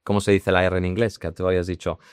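A man's voice: low voice, little pitch movement, quick pace, clear, resonant tone, dry recording, clean studio sound. A man with a Spain Spanish accent teaching English pronunciation in a casual explanatory way, demonstrating words as he goes.

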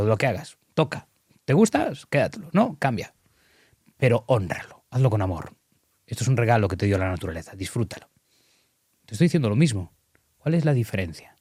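Male coach, mid pitch, earnest and emphatic, dry close sound. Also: a little mellow, no room sound. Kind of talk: conversational coaching, guiding an exercise.

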